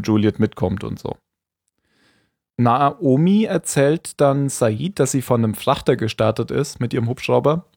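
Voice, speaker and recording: A man's voice: medium pitch, a little mellow, dry recording. Male podcast host, dry sound. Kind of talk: casual episode recap.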